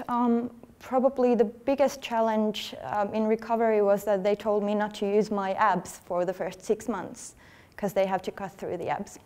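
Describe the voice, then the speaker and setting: A woman, giving an earnest, conversational talk at a conference, now and then pausing over her words. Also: mid-range voice, warm tone. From Finland. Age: 30s. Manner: earnest, conversational, slightly halting. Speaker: athlete speaking at a workshop. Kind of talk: conference presentation. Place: conference hall.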